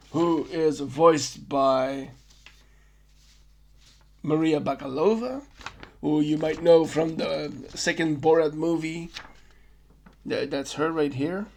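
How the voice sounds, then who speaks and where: A man's voice: on the high side, slow, pauses often, darkish tone. A man hosting a podcast, recapping a film in a casual, rambling way, often stopping to correct himself. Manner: rambling, self-correcting, stammers on restarts. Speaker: podcast host.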